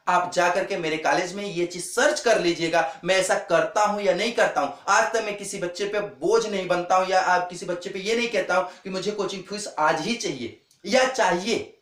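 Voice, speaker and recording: A male teacher with a high voice gives an earnest exam-prep lecture. He repeats the key points and keeps calling his viewers friends. The sound is echoey, as if he were recorded in a bare room. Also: a bit bright.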